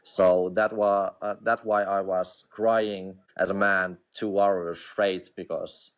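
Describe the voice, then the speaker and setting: A man from Finland with a Finnish accent, speaking halting English as a non-native speaker and often pausing to search for words as a livestream guest. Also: deep voice, flat delivery, lo-fi sound. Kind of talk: casual chat.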